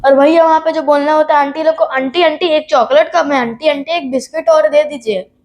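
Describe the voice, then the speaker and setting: Woman playing a cheeky high-voiced daughter. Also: steady tone, fairly quick, a little mellow, soft background music, close to an everyday voice. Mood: sulky. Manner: mocking, sulky retorts. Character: sulky, cheeky teenage daughter. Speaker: daughter in a comedy skit. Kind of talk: comedy sketch acting.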